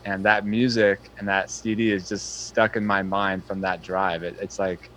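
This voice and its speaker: Lowish-voiced guy interviewing a fellow musician, earnest, lots of ums and restarts. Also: level tone, normal speed, fairly bright tone, slight background noise, low-quality recording. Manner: earnest, appreciative, with frequent fillers and restarts. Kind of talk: casual interview chat.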